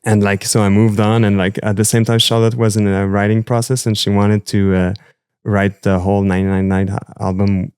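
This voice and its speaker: A man in his thirties with a Quebec French accent, talking in a loose, rambling way with constant fillers. His voice sits on the low side, and it is recorded dry and close to the mic. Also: brisk, clean tone, no room sound. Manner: rambling, many fillers, animated. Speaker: musician guest. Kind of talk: casual interview chat.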